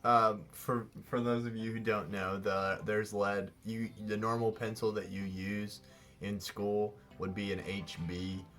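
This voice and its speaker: A man's voice: on the low side, level tone, unhurried, fairly bright tone, soft background music. A man co-hosting a casual drawing tutorial, talking in a rambling, playful way and often correcting himself. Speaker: art show co-host.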